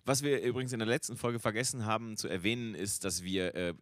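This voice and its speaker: A man's voice: on the low side, steady tone, fast, a bit bright, no room sound, clean studio sound. A man hosting a casual podcast, talking in a wry, wordy, roundabout way with plenty of banter. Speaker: podcast host.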